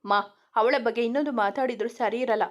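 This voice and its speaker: An earnest young man in love , read by a woman in her slightly high voice, who pleads steadily and sincerely. This is a storybook voice. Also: normal speed, lightly acted. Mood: pleading.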